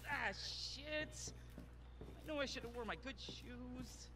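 A man's voice: very high-pitched, slow pace. An actor playing a cocky, irritable male ghost-hunting TV host in a video game, sarcastic and complaining. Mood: grumbling. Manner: sarcastic, self-important, complaining. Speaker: TV show host. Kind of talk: naturalistic video game acting.

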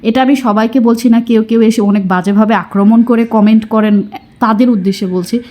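A woman in her thirties from Bangladesh, a family vlogger calmly explaining herself to her viewers in casual talk. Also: a little high, brisk, dull audio. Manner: calm, explanatory, addressing viewers directly.

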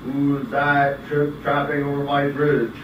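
A man voicing a menacing, hungry bridge troll with slow, drawn-out challenges in amateur puppet storytelling. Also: mid-range voice, natural voice. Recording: echoey room, distant mic, steady hiss.

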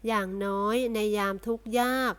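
A woman voicing a reasonable young doctor who speaks slowly and thoughtfully. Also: medium pitch, level tone, fairly bright tone, clean tone, lightly acted.

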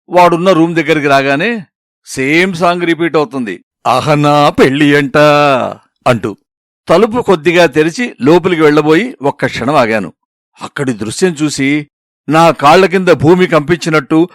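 Playful male storyteller, slightly high voice. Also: no room sound, clean studio sound. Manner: playful, expressive comic storytelling. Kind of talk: scripted narration of a comic story.

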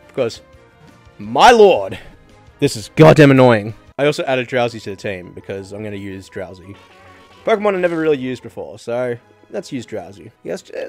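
A man giving casual, profane let's-play commentary as a gaming channel host, swinging to loud excited outbursts. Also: mid-range voice.

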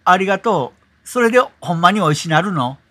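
Higher-voiced Kansai man explaining an app. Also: a little fast. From Kansai, Japan. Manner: relaxed, explanatory. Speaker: YouTube host explaining an app. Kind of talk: tutorial explanation.

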